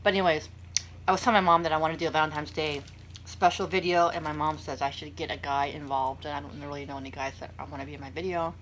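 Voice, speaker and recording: A woman's voice: low voice, fairly even intonation, fast, a bit bright, rough recording. A young adult woman chatting casually to viewers while she eats, rambling through anecdotes with self-deprecating asides. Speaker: vlogger hosting a mukbang. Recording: clear background room noise.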